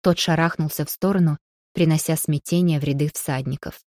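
A woman narrating a novel in a measured storytelling manner. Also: deep voice, steady tone, darkish tone, no room sound, studio quality. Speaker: audiobook narrator. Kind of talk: scripted narration.

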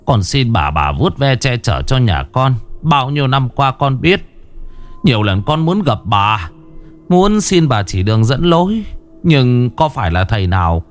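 A man voicing a humble middle-aged father who pleads deferentially. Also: mid-range voice.

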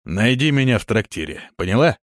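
A man voicing a swaggering, brutish deputy sheriff who talks down to newcomers in a loud, leering way. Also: fairly low pitch, big pitch swings, fairly quick, dry recording, studio quality, voice pushed up.

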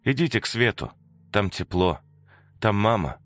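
A fierce young woman who stands guard like a mother over lost children, as a male narrator puts her on. She speaks high and insistent, pleading and commanding by turns, her pitch rising and falling with feeling. The sound is dry and close. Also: lively intonation, normal speed, fairly bright tone, no echo. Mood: urgent, commanding.

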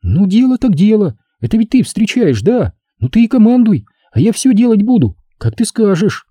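A man's voice: high-pitched, very animated, moderate pace, mellow, no echo, pitched above the performer's own voice. A man reading an audiobook, voicing a tearful, eager young woman who speaks in breathless, emotional exclamations. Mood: pleading.

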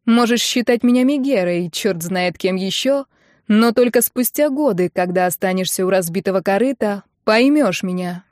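A woman's voice: mid-range voice, normal speed, a little mellow, no echo, studio quality, natural voice. A woman doing a sneering rich mother. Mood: mocking. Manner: mocking, sneering, commanding. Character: cold domineering wealthy middle-aged mother.

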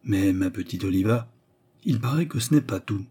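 A man's lowish voice, mellow and slightly rough, reads expressively at normal speed. He voices a middle-aged noblewoman adventuress, scheming and persuasive, whose feigned sweetness frightens her young companion. The result feels menacing and persuasive, pushed with insistence.

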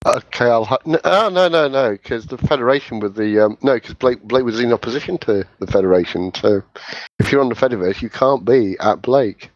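A man on a casual podcast chat, correcting others quickly and emphatically. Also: mid-range voice, animated, dry recording. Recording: slightly muffled lo-fi audio.

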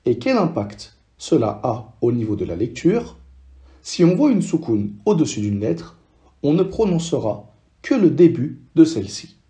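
A man teaching how to read Arabic letters, speaking slowly and patiently and repeating each sound so learners can say it after him. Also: mid-range voice, very animated, dark tone. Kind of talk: slow step-by-step language lesson.

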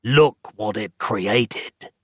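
A man voicing a charred, menacing male demon double with a rasping voice and slow, drawn-out threats. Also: fairly low pitch, a bit bright, dry recording, clean studio sound, full character voice.

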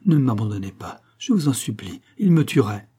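A man's voice: medium pitch, brisk, mellow, close to an everyday voice. A frightened pleading young woman, as a man puts her on. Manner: pleading, fearful.

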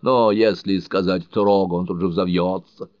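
A man reading an audiobook, voicing a thoughtful, skeptical middle-aged man who speaks in a measured, reflective way, on a dull lo-fi recording. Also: low voice, fairly even intonation, darkish tone, clear, resonant tone, no echo, lightly acted.

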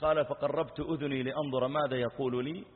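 A man from Saudi Arabia preaching with growing passion, reciting verse and telling a story, his voice rising almost to shouts. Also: mid-range voice, fairly even intonation, fast talker. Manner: impassioned, rising to near shouts. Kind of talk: sermon with recited poetry and a story. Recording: tinny echoey lecture hall recording.

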